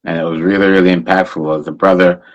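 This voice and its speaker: A man's voice: sits low, level tone, fast, muffled recording. A man hosting a live interview conversation in a friendly, affirming, conversational way. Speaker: interview host.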